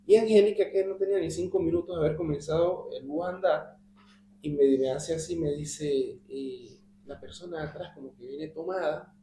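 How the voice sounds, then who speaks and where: A man shares a personal story with his Bible study group, his voice fairly high and mellow. He drops almost to a whisper when he repeats his prayers. The recording sounds roomy, with a faint hum underneath. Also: moderate pace, vocal fry. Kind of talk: telling a personal story in conversation. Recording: echoey room with faint hum.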